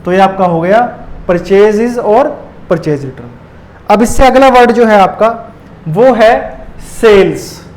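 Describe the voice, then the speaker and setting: ऊँची आवाज़ वाला पुरुष शिक्षक, सवाल पूछकर खुद जवाब देता. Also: male voice, sits high, animated, slow, a little mellow, low-quality recording. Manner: asks questions and answers them himself. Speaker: commerce teacher. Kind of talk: classroom lecture.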